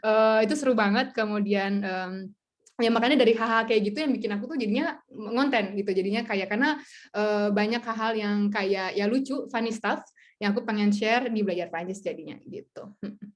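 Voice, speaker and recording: Young woman chatting on a video call webinar, animated, laughs a lot, mid pitch. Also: fairly quick. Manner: chatty and animated, laughing often, acting out French speakers' replies. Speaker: guest speaker, French tutor and content creator. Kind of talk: casual webinar talk.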